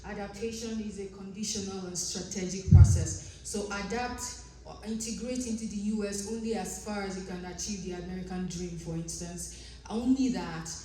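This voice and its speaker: A woman with a Nigerian accent, originally a Yoruba speaker, gives an earnest academic conference presentation with frequent ums and restarts. Her warm, mid-range voice carries a little hiss or hum, recorded in an echoey conference room with a distant mic.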